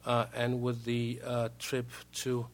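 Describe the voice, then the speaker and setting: A man's voice: medium pitch, monotone, takes it slowly. A Brazilian man, a native Portuguese speaker, giving formal remarks as a diplomat in broken English, hesitating often and repeating words.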